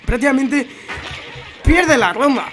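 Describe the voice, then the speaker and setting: Excitable Spanish gamer calling out plays. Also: male voice, extremely high pitch, slow. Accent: Spain. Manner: excitable, swears a lot, shouts callouts in English. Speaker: gaming streamer. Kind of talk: live gameplay commentary.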